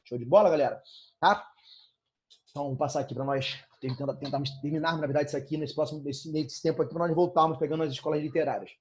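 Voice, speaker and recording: A man's voice: a little high, steady tone, fast, slightly rough. A Brazilian man teaching an online class from a bedroom at home, talking casually and checking in with "né?" and "tranquilo?". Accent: Brazilian Portuguese. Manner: casual, fillers like "né, cara?" and "tranquilo?".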